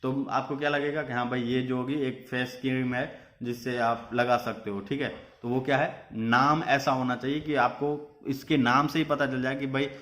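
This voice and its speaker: Young male teacher giving a classroom business lecture, steady explaining manner. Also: medium pitch, moderate pace, hardly any pauses. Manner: mixes Hindi and English, repeats points with "ठीक है".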